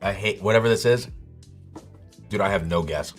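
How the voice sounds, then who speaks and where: A man's voice: lowish voice, normal speed, music in the background. A man hosting a live whiskey tasting stream, exclaiming, swearing freely and thinking aloud as he tastes.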